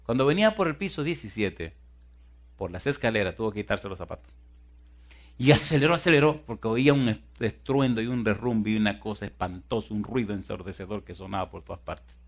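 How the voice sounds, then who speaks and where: A man's voice: on the low side, expressive, a little fast. A man preaching a sermon, telling a story dramatically and pressing his listeners with fervent, emphatic questions.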